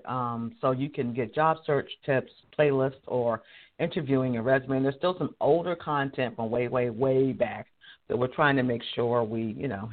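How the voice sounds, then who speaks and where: Hoarse man, casual live host, chatty with frequent laughs, tinny phone-line sound. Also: medium pitch. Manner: chatty, laughs often, restarts sentences. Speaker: career coach and show host. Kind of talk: casual live-stream talk.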